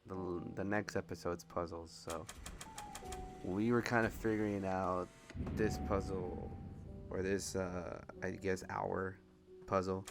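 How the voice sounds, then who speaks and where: Low-voiced man commenting on a video game. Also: flat delivery, takes it slowly, creaky. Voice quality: rambling, laughs often. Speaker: gameplay commentator. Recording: voice over game music.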